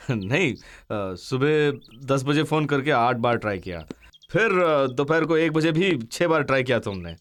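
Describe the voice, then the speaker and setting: A man's voice: mid-range voice, lively intonation, measured pace, natural voice. A man dubbing a cheeky young man who playfully teases his sweetheart, laughing as he talks, in a Hindi film dub. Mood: teasing. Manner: playful, teasing, laughing often. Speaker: male lead of a dubbed film.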